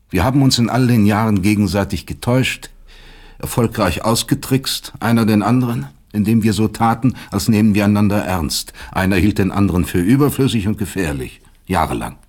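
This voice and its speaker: A male actor with a fairly low, darkish voice plays a proud and bitter older East German professor of psychiatry in a German radio play. His articulate, lecturing, sardonic character comes across as indignant and cold.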